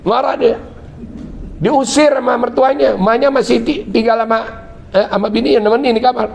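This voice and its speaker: A man's voice: very high voice, moderate pace, gravelly, a little hiss or hum. A middle-aged man with a Betawi Jakarta accent giving a religious lecture, mixing teaching with comic storytelling and acted-out family scenes. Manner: lively storyteller acting out family scenes with shifting voices. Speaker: Islamic preacher.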